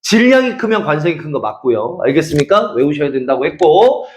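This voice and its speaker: Brief: middle-aged male academy teacher, high voice, playful teasing lecture, roomy classroom. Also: sing-song, fairly quick. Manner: teasing, checks for understanding constantly. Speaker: math and science academy teacher.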